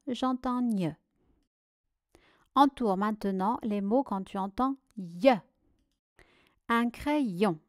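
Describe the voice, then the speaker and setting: Female teacher, slow deliberate dictation for children, dry sound. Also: medium pitch, a little mellow, no room sound. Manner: slow, carefully articulated syllables.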